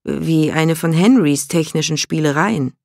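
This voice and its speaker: A man voicing a blunt young demon hunter, speaking in low, wary tones. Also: measured pace, creaky, darkish tone, no echo, studio quality.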